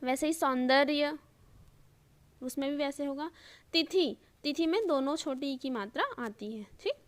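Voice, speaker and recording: A woman's voice: high voice, no echo. A woman teaching an online spelling lesson, explaining step by step and repeating each word with frequent checks like "okay?". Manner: explains step by step, often repeating words and asking "ठीक है".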